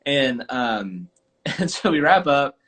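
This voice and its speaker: A man, a golf coach and podcast host, telling stories in an animated casual chat over a live video call. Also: mid-range voice, slow pace. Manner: animated, chatty storyteller.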